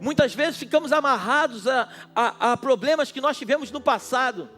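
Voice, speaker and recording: A man's voice: extremely high pitch, normal speed, sharp tone, soft background music. A male pastor preaching a sermon at a night church service, passionate and speaking straight to his listeners. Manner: impassioned, addresses listeners directly.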